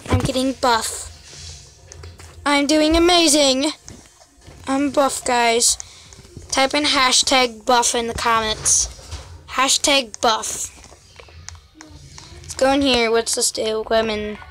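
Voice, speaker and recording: A woman's voice: high voice, fairly even intonation, slow, pauses often, fairly bright tone, soft background music. A young woman casually commentating her gameplay for her channel, chatty and constantly calling out to her viewers. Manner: chatty, keeps addressing viewers as guys. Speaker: gaming channel host.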